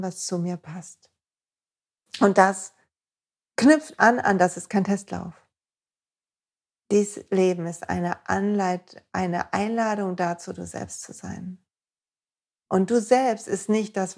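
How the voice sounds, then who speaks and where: Woman podcast host, motivational self-help talk, warm and encouraging, speaks directly to the listener. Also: medium pitch.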